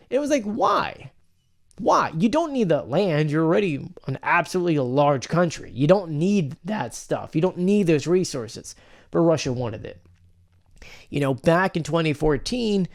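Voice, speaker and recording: A man's voice: on the high side, creaky. A man giving casual political news commentary in an emphatic, rambling way, often arguing straight at the subject he is discussing.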